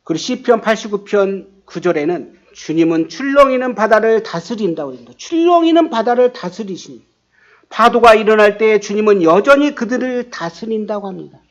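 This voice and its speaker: Man preaching, high voice, lively pitch swings, dull lo-fi sound. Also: brisk. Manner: animated, acts out quotes with rising pitch and volume. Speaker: pastor. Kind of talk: sermon.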